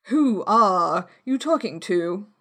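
A woman voicing a fussy, pompous king who speaks slowly and decidedly. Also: mid-range voice, expressive, fairly bright tone.

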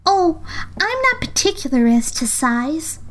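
A woman's voice: very high-pitched, big pitch swings, a little slow, voice pushed up, full character voice. A woman voicing a polite, anxious little girl who speaks timidly and pleads. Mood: pleading.

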